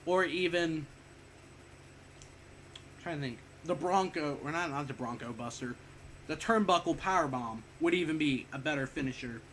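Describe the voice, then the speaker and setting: A man's voice: a little high, normal speed, long pauses, fairly bright tone, slight background noise. A young man giving a rambling, casual spoken wrestling review, a bit sick and short of breath, often correcting himself and swearing offhand.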